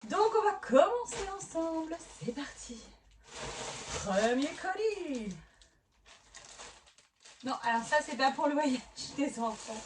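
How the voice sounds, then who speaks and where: A woman's voice: sits high, sing-song, slow, pauses often. A woman in her thirties chatting casually as she unboxes a haul for her family vlog, exclaiming and restarting often. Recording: mic at a distance with clear background noise.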